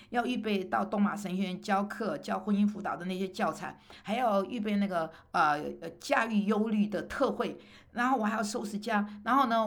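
A middle-aged woman preaching a personal sermon, emphatic and rising on rhetorical questions, with hesitant fillers as she tells her story. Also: mid-range voice.

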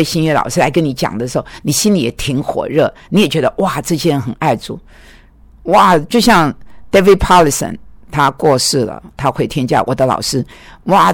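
A man teaching biblical counseling, telling anecdotes in an animated way and voicing quoted dialogue. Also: on the high side, dry recording. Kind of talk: lecture with personal anecdotes.

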